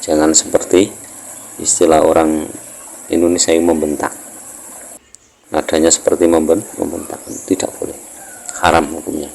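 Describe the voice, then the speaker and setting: A man, teaching as a religious teacher, who chants verse lines slowly and then explains them in a calm, measured way. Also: rumbling low, vocal fry, slight background noise, rough recording.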